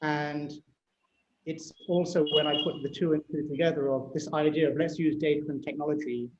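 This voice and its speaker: A middle-aged man who grew up in the UK, hosting a fintech panel discussion and telling his story in an animated, conversational way. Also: fairly high pitch, roomy sound, highs cut off, slight background noise. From United Kingdom. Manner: animated, storytelling, frequent "you know" and "right?". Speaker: fintech CEO interviewing a guest.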